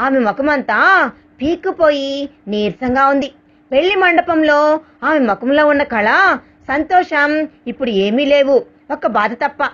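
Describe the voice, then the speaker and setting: A woman narrates a romantic audio story in a steady, unhurried way. Her voice is high. The recording is dull and lo-fi.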